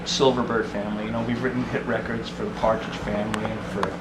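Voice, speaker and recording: A man's voice: on the low side, flat delivery, quick pace. A chatty man talks up his family with a boastful, casual manner. The room around him is echoey, and the recording carries heavy background noise. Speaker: participant at a storytelling circle. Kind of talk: casual self-introduction.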